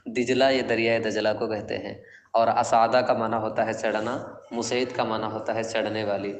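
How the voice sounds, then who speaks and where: A man teaches a class classical Arabic poetry in Urdu, working through each verse step by step and quizzing students with questions. His voice is on the low side with little pitch movement, and the classroom is echoey with long reverb.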